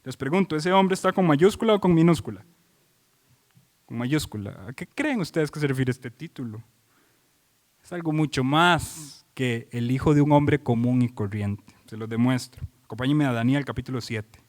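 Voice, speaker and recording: A man's voice: mid-range voice, moderate pace, in a large hall. A man preaching an expository sermon, driving his points home with repeated phrases and questions put to the congregation. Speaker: pastor.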